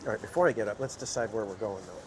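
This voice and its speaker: A man hosting a casual walking livestream in a theme park, chatting with viewers in a relaxed, rambling way. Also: lowish voice, racing. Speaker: livestream host. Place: outdoors in a busy theme park. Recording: loud outdoor park noise.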